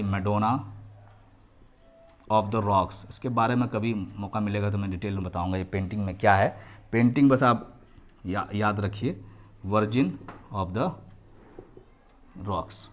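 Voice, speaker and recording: A man's voice: fairly low pitch, fairly bright tone, dull audio. A man teaching a history lesson to children, explaining each term and repeating key points, often slipping into English phrases. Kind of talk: classroom lecture.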